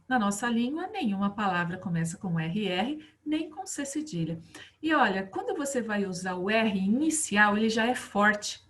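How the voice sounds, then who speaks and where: A Brazilian woman teaching a recorded online class to children, with an affectionate, lively manner and lots of rhetorical questions. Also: mid-range voice. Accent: Brazilian Portuguese. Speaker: school teacher.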